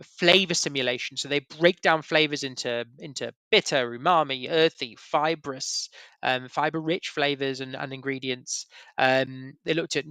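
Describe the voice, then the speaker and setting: Guy giving a webinar talk, bright voice, kinda high, dry close sound. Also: no echo. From Yorkshire, England. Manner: chatty, many fillers and restarts. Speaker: webinar presenter. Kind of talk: casual presentation.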